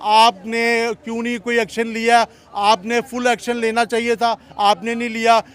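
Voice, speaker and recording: High-voiced Pakistani man, impassioned. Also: little pitch movement, normal speed, fairly bright tone, clean tone. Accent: Pakistani Urdu. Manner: impassioned, rhetorical questions, repeats "theek hai?". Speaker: interviewee. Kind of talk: heated street opinion.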